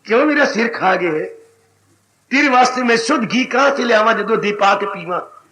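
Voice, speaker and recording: A man giving an animated devotional sermon as a spiritual teacher, breaking into exclamations and sung lines. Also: high-pitched, moderate pace, noisy background.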